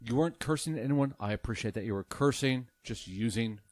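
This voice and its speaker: A man's voice: medium pitch, quick pace, a little mellow. A man acting as judge in an improvised mock-courtroom comedy, handing down mock-formal rulings.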